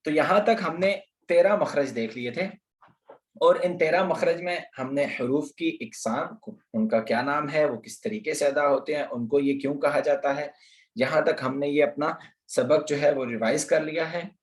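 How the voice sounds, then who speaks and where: A man's voice: on the high side, normal speed. A man teaching Quran pronunciation in an online lesson, patiently explaining and repeating letter sounds for practice. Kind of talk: slow online tajweed lesson. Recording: roomy echo.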